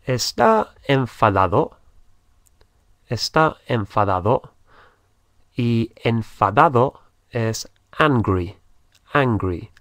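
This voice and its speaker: A man's voice: mid-range voice, very animated, extremely slow, long pauses, fairly bright tone, dry recording, studio quality. A man teaching a language lesson, patiently repeating each phrase and spelling out letters. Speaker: English teacher. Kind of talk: slow spoken language lesson.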